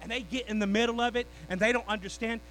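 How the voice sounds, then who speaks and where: Male preacher, high voice, very animated delivery; faint hum underneath. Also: fast, poor audio. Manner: animated preaching that swings from loud declarations to low asides with the congregation. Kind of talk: sermon.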